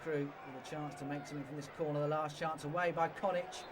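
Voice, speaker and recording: A man commentating football match highlights, rising to excited shouts at the goals. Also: fast talker, far from the mic. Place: football stadium commentary position. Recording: broadcast with loud crowd noise. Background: loud stadium crowd.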